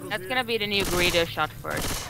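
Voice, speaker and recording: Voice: medium pitch, animated, brisk, vocal fry, noisy background. A player in a casual gaming chat, making dry, sarcastic quips.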